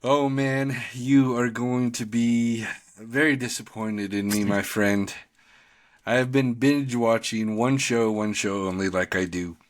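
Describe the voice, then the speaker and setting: A man's voice: medium pitch, steady tone, measured pace, no echo. A man co-hosting a podcast, talking casually about TV shows in a rambling, slangy, conversational way. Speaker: podcast co-host.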